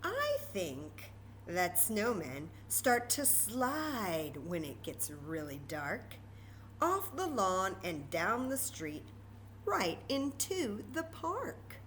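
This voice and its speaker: This storytime host, an American woman from Texas, has a medium-pitched, slightly bright voice with huge pitch swings, and she speaks very slowly over slight background noise. She addresses the children directly, moving between the book and chatty asides.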